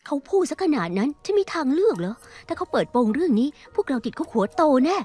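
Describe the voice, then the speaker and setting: A woman dubbing a scheming young woman in a Thai drama dub; she is anxious and defiant, and her delivery is quick and exclamatory. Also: high voice, very animated, dark tone.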